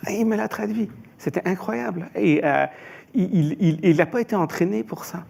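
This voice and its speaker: A man's voice: sits high, normal speed, vocal fry, darkish tone. A man from Iran answering as an expert panelist, hesitant, with frequent filler sounds and restarts.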